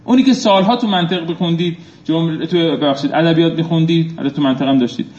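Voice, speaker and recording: A man's voice: on the high side, a little mellow. A male teacher reading phrases from a classical text aloud and explaining them, often putting questions to his students. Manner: reads Arabic phrases then explains, asks students questions. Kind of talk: seminary lecture on Arabic text. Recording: echoey dull room recording.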